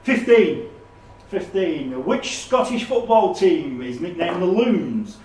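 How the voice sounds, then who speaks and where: Reading out questions and judging answers, a man acts as quizmaster at a live quiz. He speaks slowly, and his high-sitting voice carries lively intonation and a darkish tone. He's captured on a distant mic amid background noise in an echoey indoor room.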